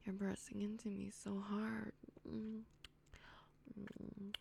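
A young woman whispering softly in an intimate ASMR roleplay, slow and soothing, doting on the listener with hums and soft giggles. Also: mid-range voice, monotone, creaky, a little hiss or hum. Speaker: audio roleplay performer.

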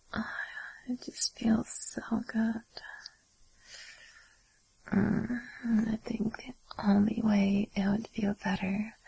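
Breathy whispering woman, low creaky voice. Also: fairly even intonation, drawn-out words, long pauses, warm tone, dry recording, low-quality recording. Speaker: audio creator. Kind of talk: intimate whispered audio.

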